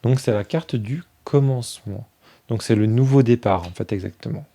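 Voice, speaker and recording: A man chatting casually through a review of a tarot deck, filling pauses with "euh" and thinking aloud as he goes. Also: medium pitch, creaky, dark tone, no echo. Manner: chatty, many fillers, thinks aloud while flipping cards.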